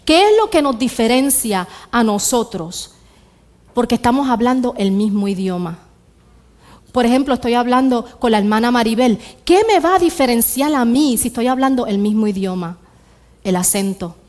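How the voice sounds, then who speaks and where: A woman's voice: on the high side, animated, moderate pace, darkish tone. A woman with a Puerto Rican accent preaching a church sermon, asking the congregation rhetorical questions and repeating her key lines. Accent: Puerto Rican Spanish. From Puerto Rico.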